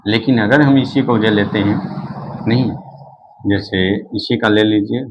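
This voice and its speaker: A man's voice: lowish voice, measured pace, lo-fi sound, background noise. A man teaching an English lesson, who keeps asking questions and answering them himself, with many repeats and restarts. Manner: repeats himself and restarts often, fillers like "nahin". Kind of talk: classroom-style lesson explaining English in Hindi.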